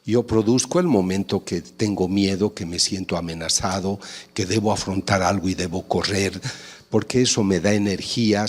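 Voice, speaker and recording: A man giving a lecture, explaining ideas and acting out little family dialogues to make his points. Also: lowish voice. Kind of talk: conference talk. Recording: long hall reverb.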